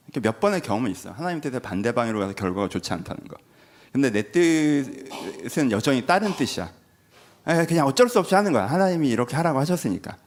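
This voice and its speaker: Animated, lively-voiced male pastor. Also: on the high side. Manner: animated, conversational, acts out quoted dialogue. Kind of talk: Sunday sermon.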